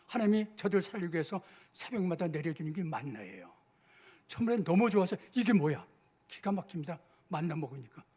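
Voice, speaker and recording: A man's voice: sits high, darkish tone, slightly rough. An older man, a senior pastor, preaching a sermon in church and acting out biblical dialogue in a conversational way. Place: church sanctuary.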